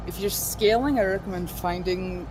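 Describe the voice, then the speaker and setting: A woman's voice: lowish voice, normal speed, background noise. A woman chatting casually on a gaming stream, dryly sarcastic, talking through a headphone mic. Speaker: livestream co-host.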